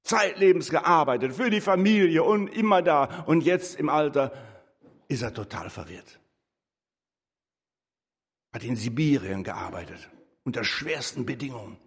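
A man's voice: medium pitch, expressive, a little slow, pauses often, breathy edge. An older man giving a conversational sermon as a lay preacher, breaking into rising, emphatic bursts. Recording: echoey hall.

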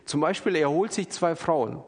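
Casual: german guy giving a sermon, pretty emphatic, slightly high voice. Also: normal speed, husky. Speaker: preacher. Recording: long hall reverb.

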